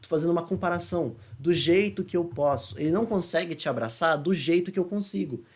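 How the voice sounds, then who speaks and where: Chatty Brazilian teacher explaining English. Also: male voice, a little high, darkish tone. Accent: Brazilian Portuguese. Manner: chatty, asks checking questions, slows to demonstrate English phrases. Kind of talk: casual explanatory lesson.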